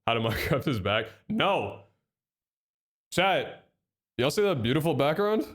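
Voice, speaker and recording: On the high side for a man, his voice moves at a measured pace, with a slight nasal quality from a head cold. The young streamer chats eagerly with his viewers live, reading their comments and thanking subs.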